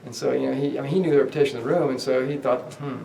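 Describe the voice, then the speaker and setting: Speaking at a racing clip with fairly even intonation, a man with a gravelly, dark, medium-pitched voice guides a ghost tour through a hotel. His storytelling wanders, with frequent fillers and restarts. The distant mic catches hallway echo and slight background noise.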